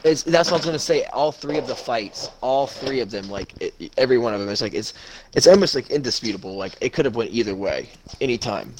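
A man co-hosting a podcast, chatting about fights in an excitable way, full of slang and swearing. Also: medium pitch, fast talker, slight background noise, low-quality recording. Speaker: podcast co-host. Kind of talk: casual sports chat.

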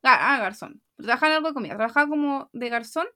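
A young Chilean woman chatting casually as a podcast co-host, retelling scenes with lively acted-out quotes. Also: sits high, quick pace. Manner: animated storytelling, acting out quotes. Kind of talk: casual chat.

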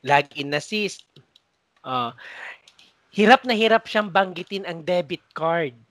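A woman's voice: on the low side, expressive, slow pace, no echo. A Filipino woman co-hosting a podcast, recalling old work stories in casual chat, laughing often and mimicking coworkers. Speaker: podcast co-host.

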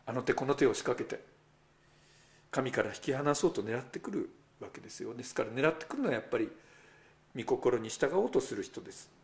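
A man preaches a sermon in an easy, conversational way. His voice sits at a middle pitch, and he turns often to the listeners with rhetorical asides. He lifts his voice when he quotes others. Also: expressive, fairly quick. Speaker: pastor.

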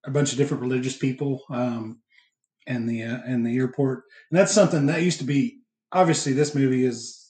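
A man's voice: mid-range voice, fairly even intonation, a little fast, darkish tone. A man hosting a casual film chat in a hesitant, rambling way. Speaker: podcast host. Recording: echoey, roomy sound.

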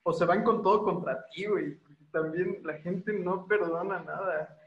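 Laid-back host guy, high voice, echoey dull recording. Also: normal speed. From Mexico. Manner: laid-back slangy chat. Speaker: interview host. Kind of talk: casual interview chat.

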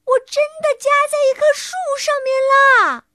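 A woman's voice: lively intonation, measured pace, dry recording, clean studio sound, heavily acted. A woman voicing a playful young male elephant who wails and calls out for help in a storybook reading. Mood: wailing. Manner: wailing, calling out high and loud.

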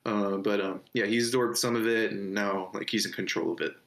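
A man's voice: lowish voice, brisk, fairly bright tone. A man co-hosting a podcast, chatting casually about a movie, rambling, laughing often and swearing loosely. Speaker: podcast co-host. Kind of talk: casual movie review chat.

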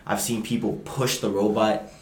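Young man, excitable, slangy, lowish voice, casual podcast chat. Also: moderate pace. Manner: excitable, slangy, says "bro" a lot. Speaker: podcast co-host. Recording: roomy echo.

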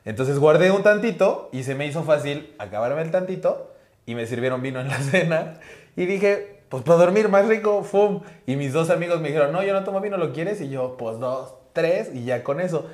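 A young Mexican man tells casual stories at an easy pace and acts out the lines he quotes. His voice runs a little high. It echoes in the room. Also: expressive, fairly quick, darkish tone. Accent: Mexican Spanish. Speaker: guest. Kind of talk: casual anecdote telling.

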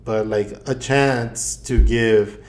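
A man co-hosting a casual football podcast, laid-back and ribbing, often trailing off softly. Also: mid-range voice, steady tone, very slow. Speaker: podcast co-host, football fan.

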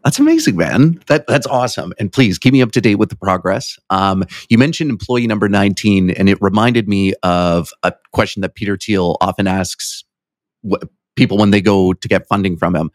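A man with a lowish voice hosts a casual interview. He asks in an informal, curious and slightly self-deprecating way, recorded dry with little room sound. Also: fairly even intonation, moderate pace, no echo. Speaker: interviewer, podcast host.

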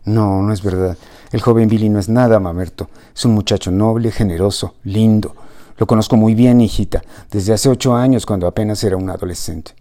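A man's voice: on the low side, fairly even intonation, brisk, dark tone, natural voice. A man voicing a blunt, earthy middle-aged mother who talks in plain colloquial speech in a storybook reading. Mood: explaining.

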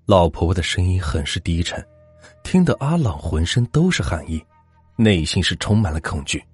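A male storyteller narrates a ghost story in a deep, husky voice. His delivery is dramatic and suspenseful, with lively rises and falls in pitch. Faint music plays behind him. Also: normal speed.

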